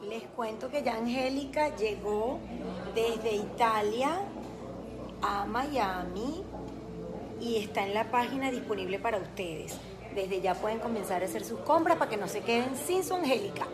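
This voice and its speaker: Gushing woman over a chattering crowd. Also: medium pitch. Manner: gushing, promotional, talks to followers. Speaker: designer showing her store event. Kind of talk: casual Instagram story chat. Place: busy store event, indoors. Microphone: phone held by speaker. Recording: phone recording with chattering crowd behind.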